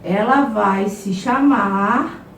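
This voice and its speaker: Slow-talking Brazilian woman teacher, echoey room. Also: mid-range voice, a bit bright, recorded from a distance, slight background noise. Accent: Brazilian Portuguese. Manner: slow, stretched-out words for children, playful. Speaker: primary school teacher. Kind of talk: children's review lesson.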